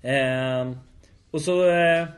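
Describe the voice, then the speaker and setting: A man casually telling hunting stories, a lively storyteller who uses lots of fillers. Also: mid-range voice. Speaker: hunt organizer telling stories.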